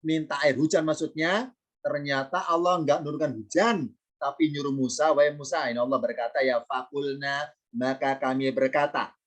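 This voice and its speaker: A patient male teacher gives an online lesson on Quranic grammar. He reads each Arabic word slowly before translating it. He often poses questions and answers them himself, repeating key points. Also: fairly high pitch, fairly even intonation.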